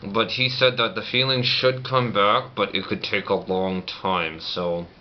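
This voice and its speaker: Low-voiced man talking through banded-shut jaw. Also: fairly even intonation, unhurried. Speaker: vlogger. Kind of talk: casual personal vlog chat. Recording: muffled lo-fi audio, clear background noise.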